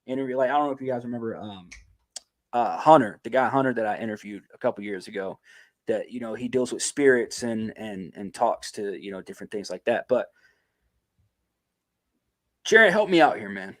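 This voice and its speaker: A man's voice: fairly low pitch, expressive, brisk. A man co-hosting a podcast, talking in a laid-back way and swearing casually as he recounts things. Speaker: podcast co-host. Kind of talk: casual chat.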